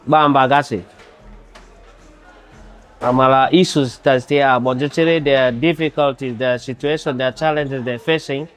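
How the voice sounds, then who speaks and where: A young man answering interview questions in a halting way, restarting phrases. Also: medium pitch, clean tone. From Australia. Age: young adult. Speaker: conference attendee.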